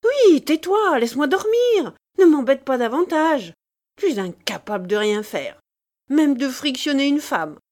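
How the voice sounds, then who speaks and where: Nagging sarcastic wife, high and sharp, always scolding, a woman reader putting her on. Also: very animated, measured pace. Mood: scornful. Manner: scolding, shrill, contemptuous. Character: shrewish bourgeois wife, furious and sarcastic.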